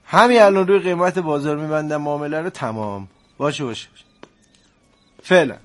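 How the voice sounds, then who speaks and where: A man's voice: a little high, natural voice. A man playing a flustered, snappy father. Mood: tense. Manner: exasperated, quick to snap. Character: harried middle-aged father trading online, easily flustered. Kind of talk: scripted family drama.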